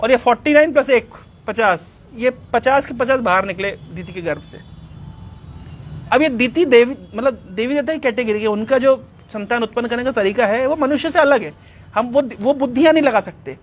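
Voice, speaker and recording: A man giving a devotional talk, retelling scripture as a lively story and slipping English words into his speech. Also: extremely high pitch, normal speed, slight background noise. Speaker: religious speaker.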